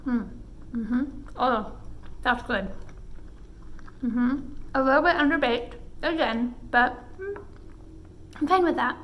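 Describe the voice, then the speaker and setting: A woman's voice: high voice, slow pace, long pauses, fairly bright tone, slight background noise. A young woman taste-testing her own cooking in a casual vlog, chatting between bites and talking with her mouth full, recorded on a phone. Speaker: cooking vlogger. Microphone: phone camera.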